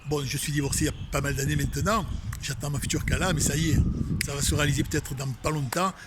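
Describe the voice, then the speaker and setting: A spiritual speaker with a Marseille French accent gives an inspirational religious talk outdoors, facing a tree. His voice is a little high and fairly bright, and he is emphatic and repetitive, addressing listeners directly. The open-air recording is noisy.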